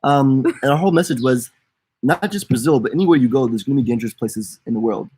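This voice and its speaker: A young man with a husky, slightly breathy voice chats casually on a live stream. He is relaxed and jokey, and he reads viewer comments out loud. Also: mid-range voice, fast. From United States. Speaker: co-host of a travel channel.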